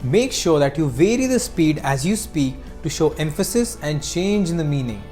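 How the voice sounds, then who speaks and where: Narrator explaining communication skills over soft music. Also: mid-range voice, expressive, moderate pace. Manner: clear, explanatory, with acted examples. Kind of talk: scripted educational narration.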